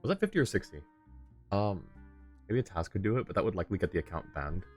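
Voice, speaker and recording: A man with a fairly low voice streams a game, very animated and talking fast. He mutters his thoughts in short bursts and chats with viewers while video game music plays behind him.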